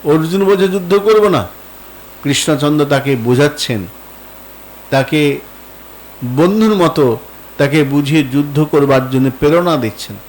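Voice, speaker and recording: A man's voice: a little high, normal speed, long pauses, low-quality recording. A man with a Bengali accent giving a devotional sermon, telling stories and acting out the dialogue in voices, with many rhetorical questions. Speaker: Vaishnava preacher.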